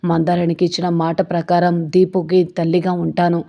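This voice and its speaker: A woman narrates a TV serial episode, speaking the characters' lines in her own steady voice. Her tone is low and mellow and barely rises or falls. The telling stays even throughout. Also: brisk, gravelly.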